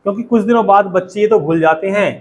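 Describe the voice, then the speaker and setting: This fast-talking man has a high-sitting voice and an Indian accent. Leading a spoken English lesson, he keeps putting questions to the class and has them echo his lines back.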